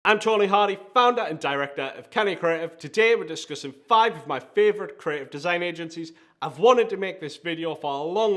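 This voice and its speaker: With a fairly bright tone and a voice on the high side, a man with a Geordie accent presents a countdown vlog. He is the video's host and founder of a design agency, and he delivers it enthusiastically and emphatically.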